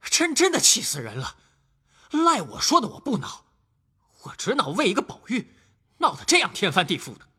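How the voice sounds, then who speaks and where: An actor playing a hot-headed, blunt and quarrelsome young man in an audio drama, loud and blustering with a husky edge. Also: high voice, huge pitch swings, normal speed, long pauses, heavily acted. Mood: angry.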